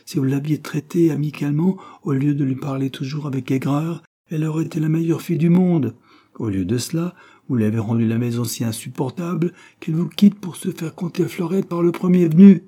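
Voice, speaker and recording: An earnest young woman lecturing with quiet firmness, as a male reader puts her on, her voice lifted a little above his own. The tone stays warm and slightly husky, measured and reproachful. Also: fairly high pitch, voice pushed up, lightly acted. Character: calm, earnest young woman giving moral advice.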